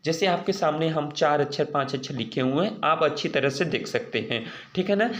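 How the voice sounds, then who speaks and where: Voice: medium pitch, a little fast, slight background noise. A teacher giving a casual spoken lesson on silent letters in English spelling. The teacher keeps asking rhetorical questions, answers them, and checks in with viewers as friends. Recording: roomy echoey room.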